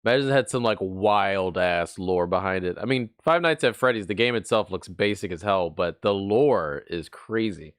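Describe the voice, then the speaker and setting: A man's voice: deep voice, normal speed, few pauses, smooth, dry recording, studio quality. A man streaming live, chatting casually and rambling as he reacts to a video. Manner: rambling, laughs often, mock voices when quoting.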